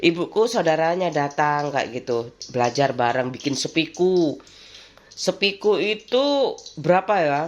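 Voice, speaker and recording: A woman's voice: sits low, expressive, unhurried, dull audio. A woman with a lilt talks as she cooks at home for her own vlog. She wanders from one memory to the next and breaks into easy laughs along the way. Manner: rambling and reminiscing, laughs often. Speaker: vlogger. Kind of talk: casual chatty vlog while cooking.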